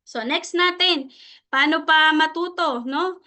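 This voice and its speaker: Slowly and forcefully, in a bright, high voice, a middle-aged Filipino woman lectures a sales team on presentation skills. Her Taglish flows freely between Tagalog and English, and she checks in with the room after almost every phrase.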